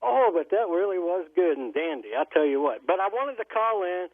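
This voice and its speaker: A man's voice: sits high, big pitch swings, a little fast, no echo. Male caller over a landline phone, rambling and folksy, dry thin phone sound. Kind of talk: casual call-in chat. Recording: tinny phone line.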